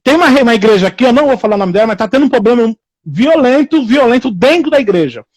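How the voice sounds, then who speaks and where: High-voiced preacher man. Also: fast talker, no echo. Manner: repetitive, animated, acts out quoted people in raised voices. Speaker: evangelical preacher hosting a live stream. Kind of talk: informal preaching on a live stream.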